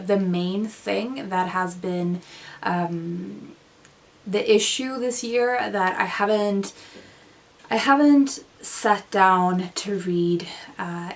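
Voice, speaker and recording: The same kind of book vlog: a young woman, Swedish by first language, with a creaky medium-pitched voice, far from the microphone. She chats thoughtfully and casually about her reading in a small room with bookshelves, with many ums and self-corrections.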